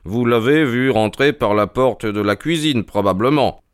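A man voicing a calm, methodical detective who questions in a measured, inquisitive way. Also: medium pitch, clean tone, dry recording, studio quality, lightly acted. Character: sharp, calm male detective, keen and methodical. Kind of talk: audiobook character reading.

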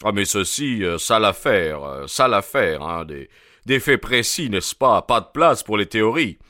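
A man voicing a stout, pompous police inspector with a husky, hoarse, breathless voice and a blustering, hemming manner. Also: fairly low pitch, sing-song, a little slow, bright, forceful tone, no echo, clean studio sound, heavily acted.

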